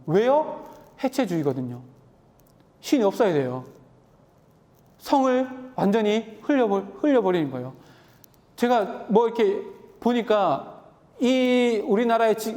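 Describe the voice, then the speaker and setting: Youth preacher, sermon style, rhetorical questions, mid pitch, reverberant church hall. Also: warm tone. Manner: repeats phrases, asks the congregation rhetorical questions.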